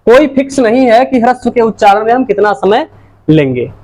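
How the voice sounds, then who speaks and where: A woman's voice: on the high side, animated, normal speed, mellow. A woman teacher giving a lecture, asking her own questions and answering them, and repeating each key point. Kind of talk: classroom-style lecture.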